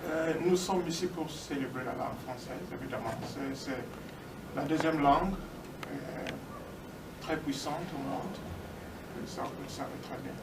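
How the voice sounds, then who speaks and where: A middle-aged man giving an informal speech as a guest, haltingly, with many hesitations and repeated words. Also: a little high, gravelly. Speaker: guest speaker. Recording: noisy echoey room, distant microphone.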